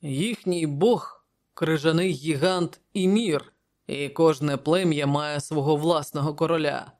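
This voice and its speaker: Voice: mid-range voice, a little slow, darkish tone, close to an everyday voice. A reader voicing a grim barbarian king. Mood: recounting. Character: brooding barbarian king from the north, grown man. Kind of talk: audiobook character reading.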